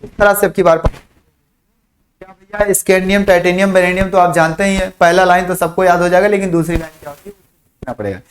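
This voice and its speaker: High-pitched guy teaching chemistry, keeps asking "what?" and spelling out memory tricks slow. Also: fairly even intonation, a little hiss or hum. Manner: drills mnemonics, repeats phrases slowly for dictation; asks and answers his own questions. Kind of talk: online classroom lesson.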